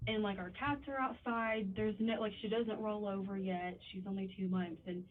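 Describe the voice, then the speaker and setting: A woman's voice: medium pitch, steady tone, normal speed, distant mic, narrow, tinny audio. A woman being questioned as a babysitter in a police interview, speaking hesitantly with many fillers. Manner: hesitant, filler-heavy, many likes and ums.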